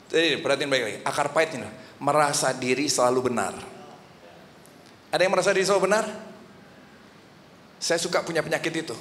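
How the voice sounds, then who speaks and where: Male Indonesian pastor, animated sermon with questions to the congregation, fairly high voice, recorded with long church-hall reverb. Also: brisk, pauses often, slight background noise. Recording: echoey hall reverb, faint ambience.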